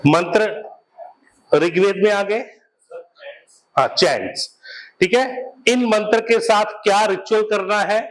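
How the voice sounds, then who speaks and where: A man's voice: sits high, slight background noise, poor audio. A male teacher lecturing a class, switching between Hindi and English and spelling out key words for his students to write down. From India. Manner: mixes Hindi and English, slows right down to dictate and spell out words. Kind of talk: classroom lecture, dictating notes.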